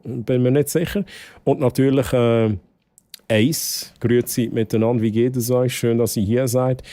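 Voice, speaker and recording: A young Swiss man streaming live in casual chat with a Swiss German accent, excitable and prone to loud outbursts. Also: moderate pace, no room sound. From Switzerland. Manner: excitable, bursts into loud high exclamations and laughter.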